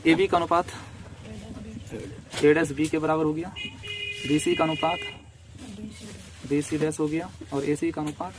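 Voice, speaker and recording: A man's voice: on the high side, fairly even intonation, measured pace, pauses often, noisy background. A man teaching a maths lesson step by step, repeating each step and asking rhetorical questions as he draws.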